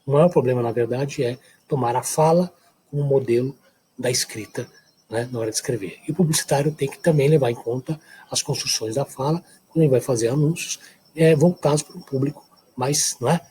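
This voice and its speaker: A man's voice: medium pitch, a little fast, dark tone. A male university lecturer from São Paulo, speaking with a São Paulo accent. He explains step by step in an ordinary mid-range voice and keeps checking that his listeners follow. A faint hiss sits under the recording. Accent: Brazilian Portuguese, São Paulo. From São Paulo, Brazil. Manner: explanatory, checks in often with "tá certo?" and "né?".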